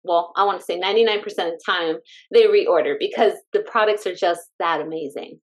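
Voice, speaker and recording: Enthusiastic stay-at-home mom from California. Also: female voice, on the low side, fairly quick. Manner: heartfelt and enthusiastic, laughs often. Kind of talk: casual interview chat.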